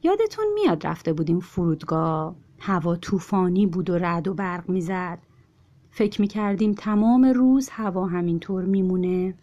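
A woman voicing a patient father rabbit who speaks calmly and gently. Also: on the low side, muffled recording, natural voice. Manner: calm and gentle.

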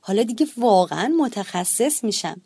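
A woman's voice: a little high, lively intonation, dark tone, breathy edge, no echo, clean studio sound. A woman reading a children's storybook, voicing a cheerful young schoolboy who thinks he's an astronaut, in an eager, earnest tone.

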